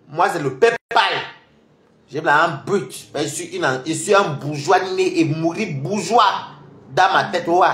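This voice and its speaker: A man's voice: fairly high pitch, fairly bright tone. A man, a social media commentator delivering a heated, taunting and combative rant. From Cameroon. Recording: roomy echoey room.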